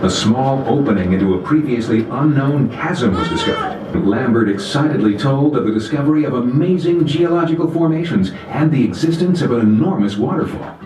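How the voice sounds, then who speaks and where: A man giving formal, scripted historical narration, played over loudspeakers inside a cave so his voice carries a cave echo. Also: medium pitch, brisk, slight background noise. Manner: steady, formal storytelling delivery. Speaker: recorded tour narrator. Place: underground show cave.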